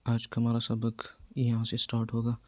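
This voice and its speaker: A man teaching beginners to read the Quran, drilling syllables slowly and patiently. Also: mid-range voice, completely flat delivery, darkish tone, no echo. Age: young adult. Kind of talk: step-by-step reading lesson.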